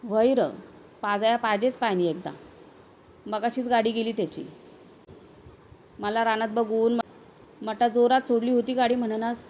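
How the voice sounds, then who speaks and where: A woman voicing a cocky young village man who drives his bullock cart fast and boasts. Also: a little high, fairly even intonation, a little mellow, a little hiss or hum, close to an everyday voice. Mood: eager. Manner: brash, boastful.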